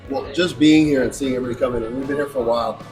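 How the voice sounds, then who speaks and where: Fast-talking enthusiastic man host. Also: medium pitch, music in the background. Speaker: food show host. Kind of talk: casual chat while eating. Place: barbecue restaurant.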